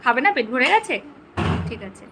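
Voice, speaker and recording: A woman's voice: sits high, very animated, moderate pace, background noise. A woman, a mother vlogging at home on her phone, coaxing and teasing her small son in a sing-song voice. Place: at home indoors.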